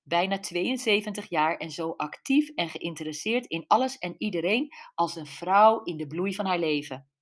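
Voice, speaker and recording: A woman reading a mystery novel aloud in a calm, measured way with steady pauses. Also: lowish voice. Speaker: audiobook narrator. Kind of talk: scripted narration.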